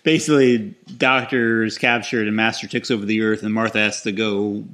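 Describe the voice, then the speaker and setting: A man's voice: lowish voice, steady tone, fairly quick, a bit bright. A man co-hosting a casual podcast, agreeable and a little hesitant, recorded in an echoey room. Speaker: podcast co-host. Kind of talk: casual TV discussion chat.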